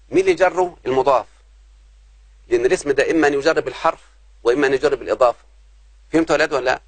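A man's voice: fairly high pitch, vocal fry, breathy edge, no room sound. A man with an Egyptian accent teaching Arabic grammar to a class, often stopping to ask the students whether they understand. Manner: keeps checking if students understand.

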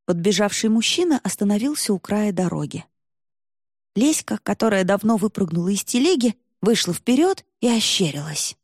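A woman narrating an audiobook in an even, measured way. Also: medium pitch, breathy edge, dry recording, clean studio sound. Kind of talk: scripted narration.

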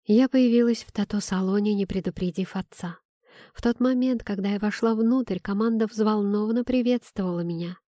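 Woman reading an audiobook, warm mellow tone, dry close sound. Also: medium pitch, normal speed, no echo. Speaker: audiobook narrator. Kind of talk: first-person audiobook narration.

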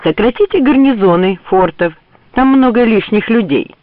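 A man's voice: high voice, lively intonation, normal speed, no room sound, pitched above the performer's own voice. A man voicing a grumbling, sarcastic old general in a mocking way. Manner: sneering, mocking. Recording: tinny phone-like dry audio.

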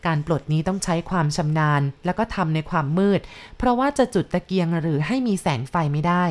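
Calm woman reading a story aloud. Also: fairly low pitch, quick pace. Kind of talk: scripted story narration.

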